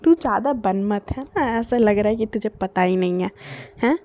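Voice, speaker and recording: A woman's voice: mid-range voice, lively intonation, moderate pace, mellow, close to an everyday voice. Woman voicing a flustered young woman. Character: young woman fretting over her father's marriage plans. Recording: dull lo-fi, dry.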